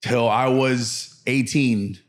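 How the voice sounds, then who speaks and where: A man's voice: mid-range voice, fairly even intonation, takes it slowly. A man in his thirties from Miami, a comedian guest chatting loosely with lots of slang and swearing on a podcast. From Miami, USA. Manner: loose, profane, slangy banter. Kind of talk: casual podcast chat.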